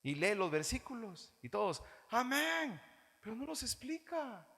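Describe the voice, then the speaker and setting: A man with a Guatemalan Spanish accent preaching a sermon as pastor, animated, mimicking churchgoers in mocking voices. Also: sits high, moderate pace, gravelly. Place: church hall. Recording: reverberant church hall.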